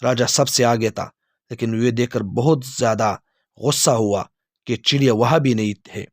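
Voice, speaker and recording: A man tells a storybook tale in a steady, clear reading voice at a middle pitch. The recording is dry and close, with no room sound. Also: no echo. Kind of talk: scripted storybook narration.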